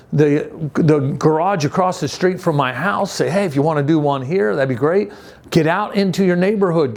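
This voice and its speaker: An American man giving an informal youth group talk as an upbeat, folksy youth pastor, in a halting, stammering way that repeats words. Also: a little high, darkish tone.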